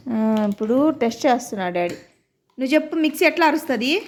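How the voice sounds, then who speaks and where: A woman's voice: fairly high pitch, animated, very fast, a little hiss or hum. A mother, chatting at home and coaxing her child with playful questions. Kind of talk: casual family chat with children.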